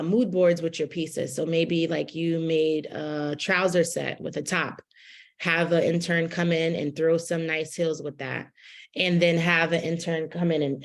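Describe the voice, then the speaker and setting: A woman giving a casual workshop lecture on fashion business, talking loosely with many fillers and asking "right?" as she goes. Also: sits low.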